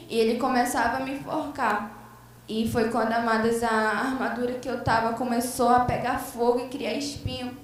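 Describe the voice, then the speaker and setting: A Brazilian woman with a Brazilian Portuguese accent and a fairly high voice delivers a fervent church testimony, retelling a vision packed with quoted lines. The church is very echoey, and she stands far from the microphone.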